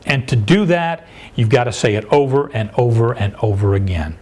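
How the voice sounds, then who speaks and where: A man's voice: mid-range voice, normal speed. An older man, a sales consultant, giving a seminar talk and putting questions to his audience. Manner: animated, addresses audience with questions.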